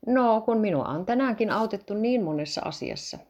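A woman's voice: medium pitch, lively intonation, a little mellow, pitched above the performer's own voice, close to an everyday voice. A woman reading a patient, coaxing father. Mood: cheerful. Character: patient father of two small kids.

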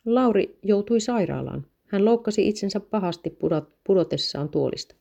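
A woman voicing a grieving, tearful mother in a read-aloud story, speaking slowly and in a subdued way. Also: mid-range voice, lively intonation, vocal fry, dark tone.

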